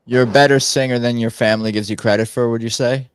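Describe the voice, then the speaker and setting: A man hosting a podcast who asks questions in a halting way and restarts his sentences often. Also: mid-range voice, fairly even intonation, clean tone, dry recording. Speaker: podcast host. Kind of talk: casual interview chat.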